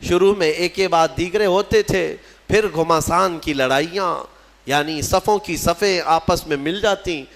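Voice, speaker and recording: A man preaching a sermon as a storyteller, impassioned and rising to loud declamation, slowing into chanted recitation. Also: a little high. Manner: recites scripture in slow chant. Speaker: Islamic preacher.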